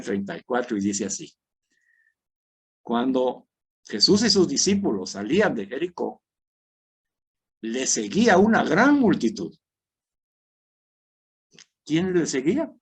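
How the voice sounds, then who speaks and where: A man leading his parish group through a scripture meditation, talking dramatically and moving between soft and loud, acting out the crowd's words. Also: medium pitch, big pitch swings, unhurried, pauses often, breathy edge.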